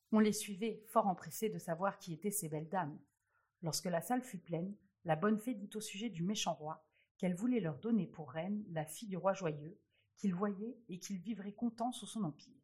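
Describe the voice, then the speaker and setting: A woman reading a fairy tale aloud with expressive storytelling. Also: mid-range voice, slightly rough.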